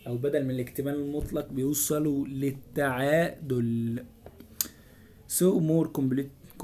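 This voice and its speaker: Mellow Egyptian man tutoring a lecture. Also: medium pitch. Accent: Egyptian Arabic. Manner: reads English terms haltingly, then translates each. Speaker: student tutor. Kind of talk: explaining a lecture from slides.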